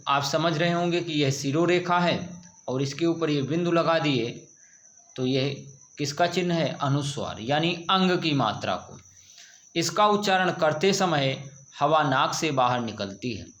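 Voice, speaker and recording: This grammar lesson comes from a man whose fairly high, bright voice carries through an echoey classroom. He moves at an unhurried pace, patiently asking his students questions before supplying the answers himself.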